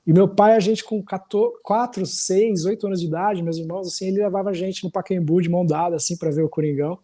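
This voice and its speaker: A musician in his forties from São Paulo, appearing as a podcast guest, tells stories in a casual, rambling chat with a Paulistano Brazilian Portuguese accent. He talks fast and keeps tacking little tag questions onto his sentences. His voice is a touch high for a man, yet warm and mellow.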